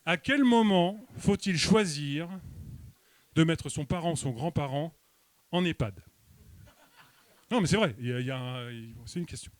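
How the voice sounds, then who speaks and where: Deadpan French man doing stand-up. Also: a little high, unhurried, pauses often, no room sound. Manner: deadpan, mock-serious delivery with hesitations. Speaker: stand-up comedian. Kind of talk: stand-up comedy set. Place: comedy club stage.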